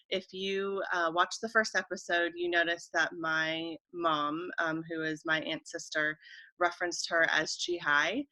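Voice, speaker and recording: A woman's voice: fairly low pitch, bright, forceful tone. A woman hosting a casual web interview, introducing her guest and asking questions in a conversational way. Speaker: host.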